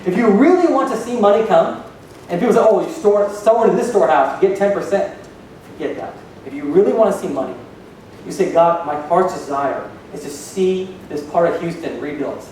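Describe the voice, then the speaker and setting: A man's voice: high voice, expressive, a little fast, a little mellow, a little hiss or hum. A man preaching a sermon as pastor, questioning the congregation as he goes. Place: church hall. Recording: echoey hall, voice from far off.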